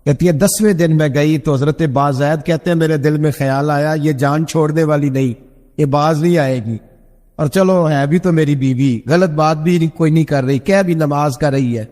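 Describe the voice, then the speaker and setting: A man's voice: a little high, darkish tone. A male preacher telling a moral story in an emotional sermon, his voice rising on the points he stresses. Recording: long hall reverb.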